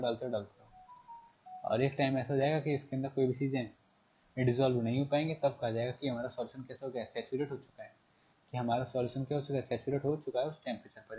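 A man teaching a class, asking his students questions and repeating key terms, reading English text slowly. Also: mid-range voice, dull audio. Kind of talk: classroom lesson.

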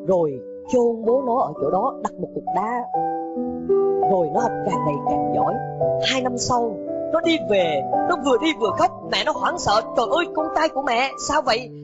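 A man's voice: sits high, big pitch swings, normal speed. A man teaching at a summer retreat, telling children an emotional moral story in a dramatic way. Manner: dramatic, addresses listeners as children. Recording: dull lo-fi with background music.

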